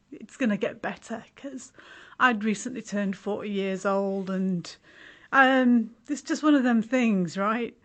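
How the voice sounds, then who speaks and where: A woman in her forties from West Yorkshire with a slight Yorkshire accent, a guest talking in a casual interview with wry, self-mocking humour. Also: on the high side. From West Yorkshire, England. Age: 40s.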